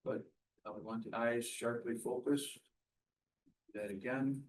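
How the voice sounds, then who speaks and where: A man's voice: mid-range voice, steady tone, rough recording. Man leading a step-by-step qigong class. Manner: measured, step-by-step cueing. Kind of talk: guided movement instruction in short, spaced phrases.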